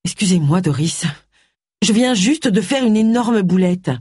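A narrator voicing a brisk, headstrong middle-aged woman detective. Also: medium pitch, animated, a little mellow, breathy edge, dry recording, clean studio sound. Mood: flustered.

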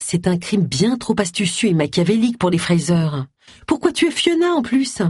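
Narrator as a determined middle-aged woman detective in an audiobook, animated, husky and dry. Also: mid-range voice, moderate pace, no room sound. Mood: reasoning. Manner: determined, reasoning aloud. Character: stubborn amateur woman sleuth, sharp-minded.

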